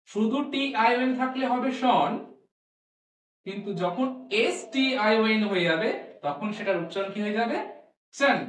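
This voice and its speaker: A woman teaching English pronunciation to students. She asks questions and answers them herself, and she repeats each sound slowly. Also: fairly high pitch, far from the mic. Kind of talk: classroom-style lesson. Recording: echoey room, voice from off-mic.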